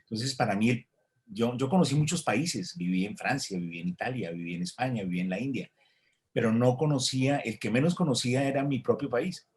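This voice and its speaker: A Colombian author answers interview questions thoughtfully over a video call, hesitating and restarting as he goes. His mid-range voice is darkish and runs a little fast.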